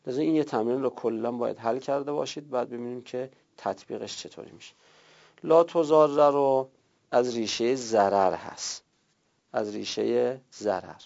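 A male teacher gives a classroom lecture with a gravelly, dark voice. He works through word forms patiently, stretching each one out slowly as students take notes. The recording is dull and muffled. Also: medium pitch, steady tone. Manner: tells students to write things down. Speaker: teacher of Arabic grammar and Quran.

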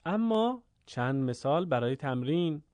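A man teaching Quran reading in a lesson. He explains the rules quickly and says the example words slowly and drawn out. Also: on the high side, big pitch swings, a little mellow, no room sound. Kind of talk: lesson with slow word drills.

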